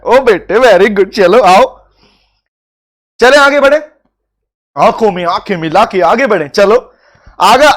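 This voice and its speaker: A man's voice: very high voice, a bit bright. A man teaching a live online law class, teasing and calling on students by name, repeating phrases for emphasis.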